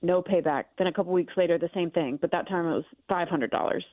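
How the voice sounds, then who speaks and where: A woman's voice: fairly low pitch, fast talker, no room sound. A woman heard over speakerphone on a radio show, talking reluctantly and uneasily about an awkward matter with a friend. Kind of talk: phone call on a morning radio show. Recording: tinny phone line.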